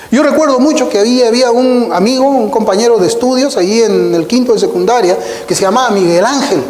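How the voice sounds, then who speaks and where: A man in his fifties preaches with a high voice and earnest feeling. He tells personal stories and leans on slow, emphatic repetition. The sound rings around a large church hall, with a long reverb tail. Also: a little mellow. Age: 50s. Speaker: pastor. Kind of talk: sermon.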